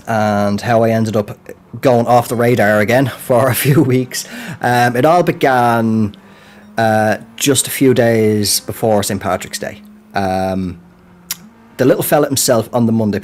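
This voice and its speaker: A man's voice: fairly low pitch, darkish tone. An Irish man giving a casual personal update as a gaming channel host, rambling and colloquial in a self-deprecating way.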